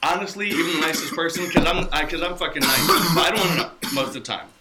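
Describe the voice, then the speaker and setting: A man's voice: on the high side, fast, heavy background noise. A young man co-hosting a podcast in casual profane banter, rambling and laughing often. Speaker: podcast co-host.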